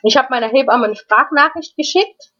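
A woman guest recounts a personal experience in casual, unscripted talk. Her voice sits a little high, and she often stops and repeats words before going on. The recording sounds slightly muffled and lo-fi. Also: animated, sharp tone. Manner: halting, frequent restarts and repeated words. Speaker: interview guest. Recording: dull lo-fi recording.

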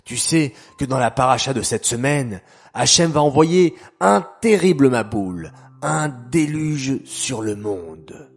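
A man voicing a gentle, patient father who teaches his children in a storybook tale. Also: medium pitch, soft background music. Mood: gently instructive. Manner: calm, measured, gently instructive.

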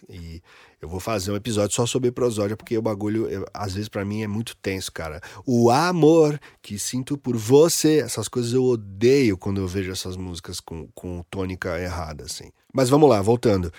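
A man's voice: lowish voice, darkish tone, no echo. Man with a Brazilian accent, casual music explainer, profane, dry close sound. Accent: Brazilian Portuguese. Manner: casual, profane, demonstrative, sings short examples. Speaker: music educator. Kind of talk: casual music analysis episode.

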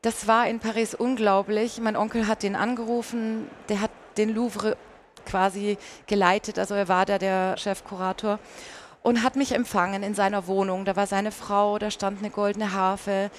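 A woman's voice: mid-range voice, little pitch movement, normal speed, slight background noise. A woman, a painter and singer, talking as an interview guest, recounting her path in a reflective way. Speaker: guest, painter and mezzo-soprano. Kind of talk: conversational interview storytelling.

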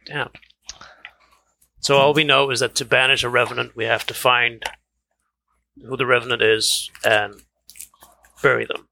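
A man's voice: mid-range voice, little pitch movement, measured pace, vocal fry, long pauses, bright, forceful tone, a little hiss or hum, low-quality recording. A man chatting casually as a player in a tabletop game, laughing and tripping over names.

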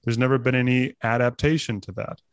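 A man's voice: medium pitch, steady tone, brisk, clear, resonant tone, dry recording. A man co-hosting a podcast in casual chat, rambling and restarting his sentences as he thinks aloud. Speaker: podcast co-host.

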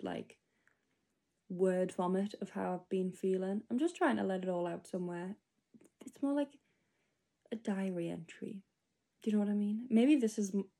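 Mellow-voiced rambling young woman. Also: mid-range voice. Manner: rambling, filler-heavy casual talk. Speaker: podcast host. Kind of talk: spoken diary monologue.

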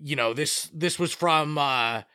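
A man with a bright, somewhat high voice chats on a podcast, rambling through fillers and restarts. The sound is dry and close, with no room around it. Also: measured pace, clear, resonant tone, no room sound. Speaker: podcast co-host reading listener responses. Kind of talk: casual podcast chat.

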